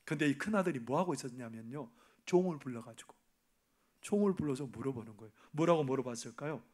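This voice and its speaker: A man preaching a sermon on a parable, asking the congregation questions and acting out the characters' lines, dropping at times to a hushed near-whisper. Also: medium pitch, lively intonation, quick pace. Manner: asks the congregation questions and acts out the parable's voices; swings from loud emphasis to hushed, near-whispered asides.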